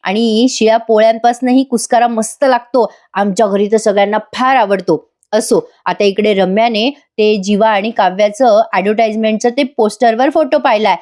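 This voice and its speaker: A woman's voice: medium pitch, normal speed, darkish tone. A woman narrating a voice-over recap of a TV serial, chatty and speaking straight to viewers. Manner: chatty, addresses viewers directly.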